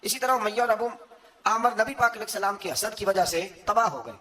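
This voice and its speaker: A man delivering a sermon. He tells stories and laughs lightly as he goes, weaving in recited verses and couplets. His tone stays unhurried and conversational. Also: high-pitched, pushed and bright. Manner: storytelling with frequent chuckles. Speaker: preacher.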